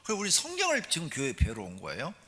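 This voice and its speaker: Animated Korean pastor in a reverberant church hall. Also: male voice, rapid-fire, slightly rough. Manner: animated preaching, acts out a nagging wife in a high voice. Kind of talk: sermon.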